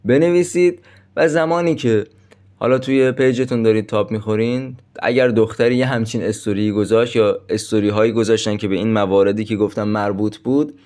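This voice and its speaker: Low-voiced man giving dating tips. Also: steady tone, darkish tone. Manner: direct, chatty, addresses listeners as friends. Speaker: dating coach. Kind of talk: instructional monologue with numbered tips.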